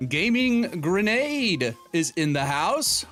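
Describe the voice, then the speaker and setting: A young man with a slightly high voice hosts a relaxed live stream from a home room, talking into a desk mic. He jokes around and calls out viewer names and donations as they come in. Faint background music plays under his voice. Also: slow pace. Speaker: streamer host. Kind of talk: casual live-stream chat.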